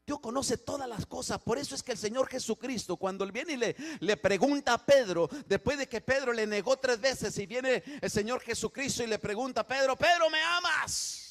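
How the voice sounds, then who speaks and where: A man preaching in a church with a voice pitched very high for a man and a bright, forceful edge. He drops to hushed passages and then builds to loud, emphatic ones, often repeating and restarting his phrases as he presses a point. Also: normal speed, few pauses. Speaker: pastor. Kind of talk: sermon.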